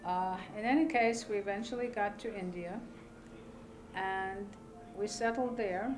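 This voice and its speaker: In a rough recording with music behind her, an older Iraqi woman gives a measured interview about her life. She sits at a table in a small room, speaking at a medium pitch, calmly and deliberately, pausing between phrases.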